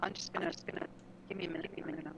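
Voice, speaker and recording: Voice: medium pitch, steady tone, racing. A tabletop game player on a wireless headset whose voice comes through garbled and underwater-sounding, flustered and repeating words. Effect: garbled, underwater-sounding headset audio. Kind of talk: casual chat. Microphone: wireless headset over a call. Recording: noisy, garbled headset connection.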